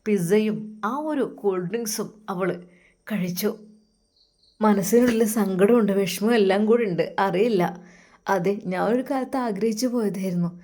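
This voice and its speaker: A woman's voice: medium pitch, warm tone. A woman narrating an emotional religious story in a dramatic, heartfelt manner, with pious interjections.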